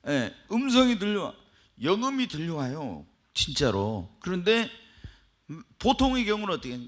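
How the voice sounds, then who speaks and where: Animated man preaching a sermon. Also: high-pitched. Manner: animated preaching, asks the congregation questions and swings between hushed and loud. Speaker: pastor. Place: church.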